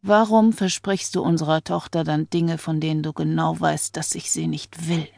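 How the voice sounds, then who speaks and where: A woman's voice: low-pitched, steady tone, moderate pace, vocal fry, a little mellow, no echo. A woman reader voicing a controlling husband who scolds and soothes with menace. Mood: reproachful.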